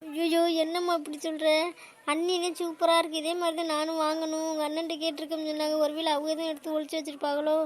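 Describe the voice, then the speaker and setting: A woman's voice: sits high, level tone, fast talker, slight background noise, close to an everyday voice. A woman voicing a fretful young daughter in a comedy cartoon, talking in a whiny, pleading way. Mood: panicked. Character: fretful young daughter who lost her chain.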